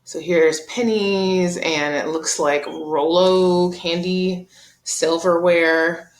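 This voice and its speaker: A woman teaching an art lesson over slides, explaining in a relaxed, chatty way with frequent ums and uhs. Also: fairly low pitch, slow. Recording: roomy echo.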